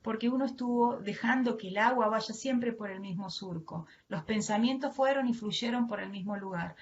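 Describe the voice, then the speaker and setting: Over dull, lo-fi online audio with a little background noise, a woman speaking with an Argentine Spanish accent preaches a devotional message to women. She is earnest and warm toward her listeners, her medium-pitched voice keeping a moderate pace.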